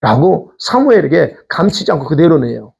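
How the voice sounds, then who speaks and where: A man's voice: fairly high pitch, very animated, moderate pace, gravelly, a little mellow, husky. A man pastor preaching a sermon in a conversational way, posing questions to the congregation. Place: church sanctuary.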